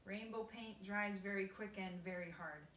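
A woman voicing a sensible young boy who speaks calmly and practically. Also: medium pitch, normal speed, lightly acted. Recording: roomy, distant, faint background hiss.

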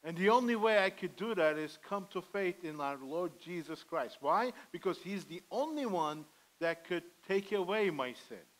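Man, middle-aged, pastor, high voice, earnest pleading sermon, headset mic in a church. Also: lively intonation, moderate pace, low-quality recording. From Armenian heritage. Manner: earnest, pleading, gestures broadly at pulpit. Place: church sanctuary, indoors, medium size.

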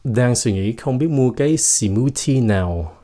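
A man whose first language is Vietnamese, teaching English pronunciation in a casual video lesson, slowly and deliberately demonstrating each word. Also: mid-range voice, lively intonation. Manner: slow, deliberate demonstration of words.

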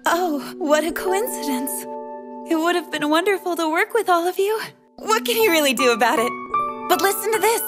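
Perky, very high-voiced young anime woman. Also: animated, normal speed. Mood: upbeat. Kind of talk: anime dub acting. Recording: loud background music.

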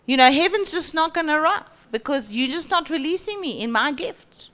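High-voiced South African woman preaching. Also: moderate pace. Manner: lively, acts out boastful voices with high pitch jumps. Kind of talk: sermon. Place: large church hall stage. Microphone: handheld mic.

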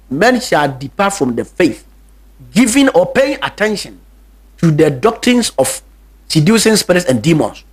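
Emphatic high-voiced Ghanaian preacher man. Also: husky. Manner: emphatic, repeats and stretches key words, hesitant fillers. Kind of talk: radio sermon mixing Twi and English.

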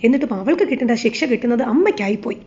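A woman's voice: fairly high pitch, animated, racing, mellow, natural voice. A woman reading the lines of a sly young man, the scheming son, in a curt, dismissive way. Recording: slightly dull lo-fi recording.

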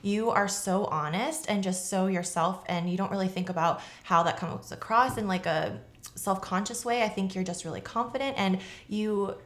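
A woman's voice: medium pitch, normal speed. A young woman from southern Florida, co-hosting a casual chat and talking in a chatty, rambling way with lots of fillers. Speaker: co-host.

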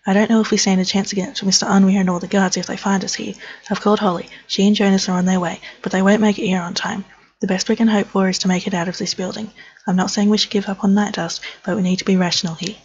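A worried, cautious father from a horse game, read out by a woman in her own voice, earnest and pressing. Middle pitch, with a slightly dull, lo-fi home recording. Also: level tone, fast, darkish tone, close to an everyday voice.

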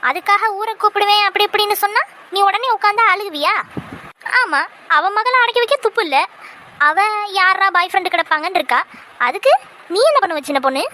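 Brash young women friends in a cartoon, teasing one moment and indignant the next, as a woman voices them. The voice is very high and bright. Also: lively intonation, fairly quick, slight background noise, exaggerated voice. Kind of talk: cartoon voice acting.

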